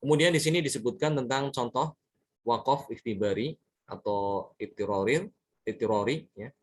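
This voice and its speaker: A man's voice: medium pitch, moderate pace, slightly rough. A man teaching Quran recitation rules in a lesson. He talks patiently, repeating words and examples and checking in with his listeners often. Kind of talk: tajwid lesson explaining examples.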